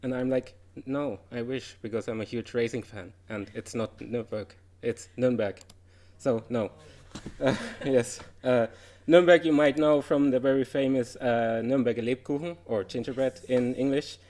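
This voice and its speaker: In an unhurried, mid-range voice that is a little mellow and fairly even, a man from Germany talks about his game development career at an informal conference, hardly pausing. He is chatty, often says "uh," and laughs lightly.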